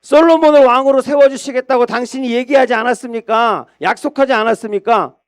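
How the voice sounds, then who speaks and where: A man's voice: high voice, expressive, unhurried, clean tone, no echo, studio quality. A man voicing Bathsheba, a tearful pleading queen. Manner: pleading, raised and urgent.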